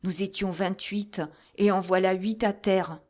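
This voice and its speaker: A brutal officer barks threats with a raised voice, as a woman reader puts him on. He is rough and menacing. This comes from a classic adventure audiobook. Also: mid-range voice, fairly even intonation, unhurried, a little mellow, close to an everyday voice. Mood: apologetic. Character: threatening male soldier officer. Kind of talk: audiobook character reading.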